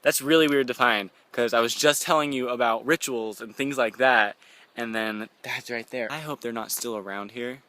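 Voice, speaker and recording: A young man filming himself in the woods, rambling nervously with uneasy laughs and swinging between hushed muttering and loud exclaiming. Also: mid-range voice, normal speed. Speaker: amateur paranormal vlogger. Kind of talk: handheld found-footage vlog. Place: woods outdoors.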